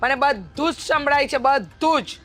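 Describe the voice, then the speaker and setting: A woman acting a bossy, sharp-tongued mother-in-law in a family drama who scolds loudly and mocks. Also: sits high, animated, a little slow, soft background music. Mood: scolding. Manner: scolding, loud, mocking.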